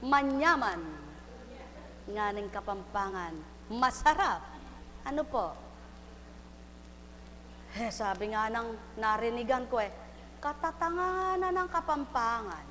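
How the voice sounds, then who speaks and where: A woman preaching a live sermon, fervent and full of refrains, moving from soft confession to loud exhortation. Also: on the high side, slow pace, pauses often. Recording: hall reverb, faint hum.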